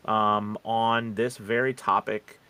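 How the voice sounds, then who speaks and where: A man with a somewhat low voice hosts a live stream. He chats casually and loosely, circling through his points and often checking that the listener follows. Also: flat delivery, slow, bright, forceful tone, smooth. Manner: rambling, repeatedly checking in with "you know" and "right". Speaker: live show host.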